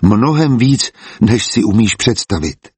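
A man voicing a calm, practical wife who trusts her husband. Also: lowish voice, slightly rough, dry recording. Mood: resolute. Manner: composed, weary.

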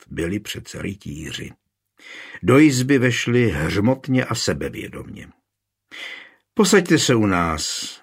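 A man narrating a historical audiobook in a measured, steady way. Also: medium pitch.

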